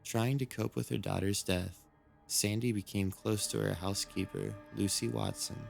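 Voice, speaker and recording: A man reads scripted true-crime horror narration in a measured, solemn storytelling manner. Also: lowish voice, steady tone, vocal fry. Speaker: narrator of a creepy mystery series. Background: background music.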